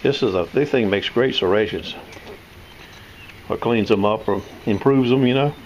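A man's voice: medium pitch, normal speed, muffled recording, a little hiss or hum. An older man, casually demonstrating tools in his home workshop, rambling and folksy. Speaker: knife sharpener showing his shop tools.

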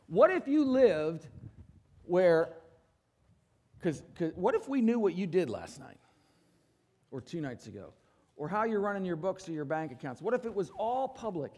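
On a church stage, a middle-aged man preaches a sermon that swings from emphatic, loud declarations to soft, low-voiced asides. He repeatedly invites the congregation to voice their assent.

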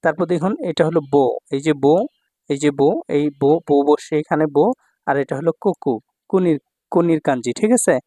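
A man's voice: a little high, fairly even intonation, brisk, mellow, no room sound. A male Japanese language teacher explaining kanji patiently, repeating words and often checking that students follow. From Bangladesh.

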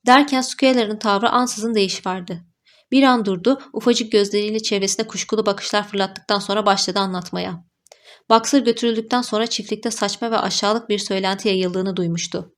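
A woman narrating an audiobook with an even, measured reading style. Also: medium pitch. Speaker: audiobook reader. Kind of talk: scripted narration.

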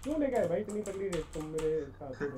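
A man's voice: a little high, sing-song, quick pace, crowd noise. A man racing with friends in an online game, grumbling with mock drama. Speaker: gaming friend. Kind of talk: casual gaming banter.

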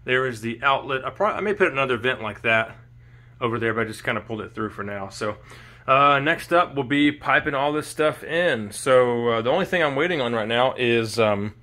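A man's voice: mid-range voice, fairly bright tone. A man casually narrating a home garage build project in a loose, unscripted way, with frequent ums and uhs. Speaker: DIY vlogger.

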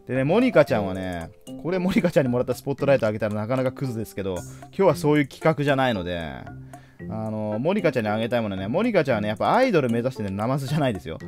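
A man's voice: medium pitch, darkish tone. A man giving casual let's play commentary, chatting playfully to the characters on screen as he plays. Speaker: game streamer.

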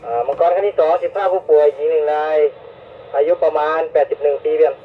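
A man's voice: fairly high pitch, quick pace. Man on a tinny walkie-talkie. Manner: clipped, formal radio codes and numbers. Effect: heard over a walkie-talkie radio. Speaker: rescue unit responder. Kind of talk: radio dispatch call. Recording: tinny two-way radio with faint hiss.

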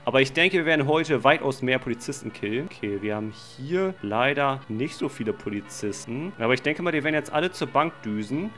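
A man giving excited Let's Play commentary on a game, talking to his viewers as friends, with slangy asides and sudden shouted outbursts. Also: medium pitch, brisk, hardly any pauses, soft background music. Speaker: gaming channel host.

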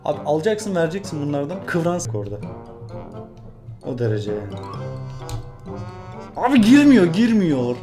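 A young man from Turkey talks to his camera at home while solving a puzzle, his voice sitting a little high. He mutters, sighs and bursts into mock-frustrated complaints. Faint music plays quietly behind him. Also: expressive, brisk, pauses often. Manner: chatty, exasperated muttering, mock-frustrated outbursts. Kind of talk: casual vlog chat while solving a puzzle.

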